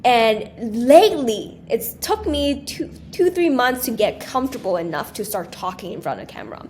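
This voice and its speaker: A woman's voice: a little high, normal speed. Young woman from Taiwan, interview guest, eager chatty delivery, faint background noise. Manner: animated, with many restarts and fillers. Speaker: guest, small business creator. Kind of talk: casual interview chat.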